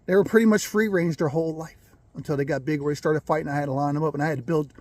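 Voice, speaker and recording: Guy rambling thru a story, kinda high voice, keeps clearing his throat, dry sound. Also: rapid-fire, darkish tone, no echo. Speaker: gamefowl breeder. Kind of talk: casual storytelling.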